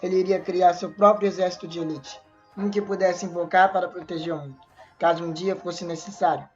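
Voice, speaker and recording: Woman narrator, lowish voice, stumbles and restarts now and then, dull recording. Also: fairly even intonation, a little fast, a little mellow. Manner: reads with small slips and restarts. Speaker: lore narrator. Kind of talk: storytelling narration. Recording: dull lo-fi voice with faint music.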